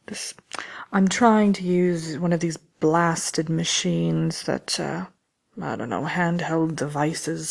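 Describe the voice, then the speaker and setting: A woman as the slow, creaky Wicked Witch of the West. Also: on the low side, heavily acted. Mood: haughty, flustered. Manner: haughty, unhurried, halting, partly whispered delivery. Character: vain, sinister, cynical Wicked Witch of the West. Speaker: host answering listener questions. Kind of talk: ASMR character roleplay chat.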